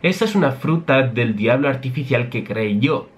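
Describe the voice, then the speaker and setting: A man's voice: medium pitch, lively intonation, moderate pace, close to an everyday voice. A man voicing an eccentric male genius scientist who explains his ideas at length. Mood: lecturing. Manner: explanatory, lecturing.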